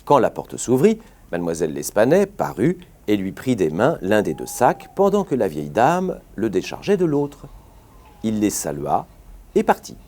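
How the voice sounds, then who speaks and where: A man reading a classic detective story aloud as an audiobook narrator, in a measured, expressive manner. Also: fairly low pitch. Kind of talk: scripted narration.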